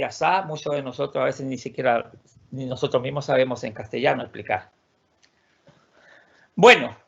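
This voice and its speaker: Guy teaching an online class, slightly high pitch, keeps repeating words slowly, dull recording. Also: vocal fry. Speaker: Swedish teacher. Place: lives in Sweden. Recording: lo-fi muffled audio.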